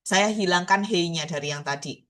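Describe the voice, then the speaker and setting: A woman with a fairly low, slightly bright voice and a Surabaya Javanese accent teaches an online language class. She speaks slowly and patiently, repeating each word so students can copy her pronunciation.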